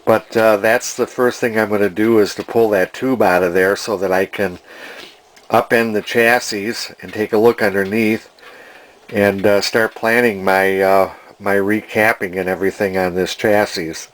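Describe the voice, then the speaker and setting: An older man with a low, steady voice hosts a casual workbench vlog as a vintage TV restorer, set in a cluttered home workshop. His delivery is halting, hesitant and rambling.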